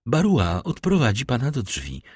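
Man doing a gentle young lady, storybook reading, husky, raised voice, dry sound. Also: medium pitch, huge pitch swings, moderate pace, no room sound, voice pushed up. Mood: tender. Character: young woman, gentle but anxious lady.

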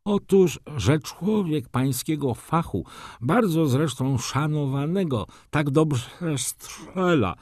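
A man voicing a vain, flustered nobleman in an audiobook, talking in a shrill, fussy voice. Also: expressive, slow pace, darkish tone, dry recording, studio quality. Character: shrill vain old-school male baron.

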